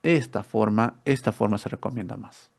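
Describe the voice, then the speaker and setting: A man's voice: on the low side, moderate pace, creaky, darkish tone. A man teaching an online spelling workshop, explaining step by step with rhetorical questions and repeated words.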